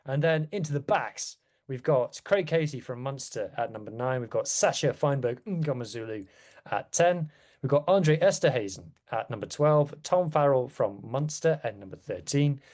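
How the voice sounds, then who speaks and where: A man's voice: mid-range voice, lively intonation, moderate pace, a little mellow. A man chatting casually as a rugby podcast guest, with wry, self-deprecating asides. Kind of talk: casual chat.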